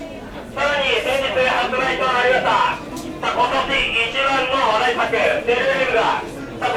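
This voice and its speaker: A man giving live sales patter as a store announcer, chanting in the manner of a pachinko announcer over an echoey PA. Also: very high voice. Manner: chanting salesman delivery with repeated interjections. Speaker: electronics store floor announcer. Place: large busy electronics store. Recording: echoey store PA, far off, loud crowd.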